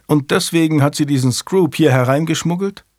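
A man's voice: a little high, brisk, darkish tone, no room sound, natural voice. A man voicing an earnest, slightly unsure young male lord, hesitant and friendly, read dry and close.

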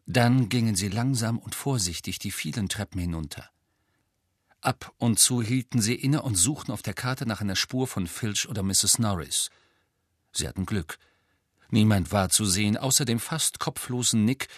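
A man reading a novel aloud as an audiobook narrator, with expressive, measured storytelling. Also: fairly low pitch, no echo, clean studio sound.

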